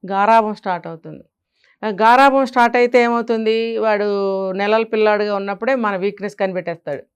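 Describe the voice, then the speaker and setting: A woman with a Telugu accent speaks with a smooth, resonant voice. She gives parenting advice in an interview and drives her points home with rhetorical questions. Her pitch sits in the middle range. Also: fast.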